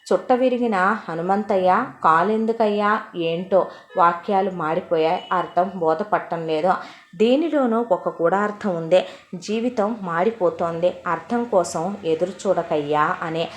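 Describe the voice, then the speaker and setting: A woman's voice: fairly low pitch, measured pace, natural voice. A woman voicing a rambling, half-mad elderly father who speaks in philosophical wordplay, for an audio story. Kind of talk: Telugu audio story acting.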